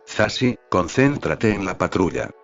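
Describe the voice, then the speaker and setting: A man voicing a tired, curt adult man who speaks in short, flat sentences. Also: deep voice, measured pace, creaky, heavily acted. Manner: terse, flat. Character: weary, curt adult man, terse guardian. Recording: slightly dull audio with faint background music.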